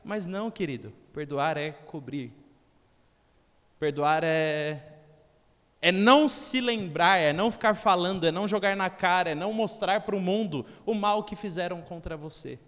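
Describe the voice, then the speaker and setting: A man's voice: high voice, normal speed, a bit bright. A young man preaching a sermon in a church hall, talking conversationally and acting out the people he quotes. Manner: conversational, acts out quoted voices. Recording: long reverb of a church hall.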